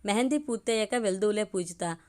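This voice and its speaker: A woman's voice: mid-range voice, fairly quick, a little mellow, lightly acted. A woman reading as a teasing young man.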